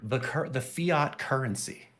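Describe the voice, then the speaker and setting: A man's voice: mid-range voice, a little slow, a bit bright, soft background music. A man playing a tabletop game, teasing the others and joking in and out of character. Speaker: player.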